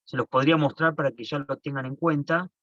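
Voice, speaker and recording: A man's voice: a little high, fairly even intonation, a little fast, a bit bright, no echo. A man teaching an online class, explaining patiently and often restarting his phrases. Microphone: computer mic on a video call. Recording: dull, dry lo-fi call audio.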